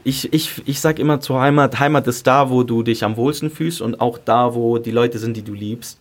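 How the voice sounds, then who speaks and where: A man in his early twenties with roots in Greece and southern Germany, a singer and song contest contestant, guests on a podcast for a casual interview chat. He speaks candidly in youthful, colloquial phrasing with emphatic repetition, at medium pitch and a moderate pace.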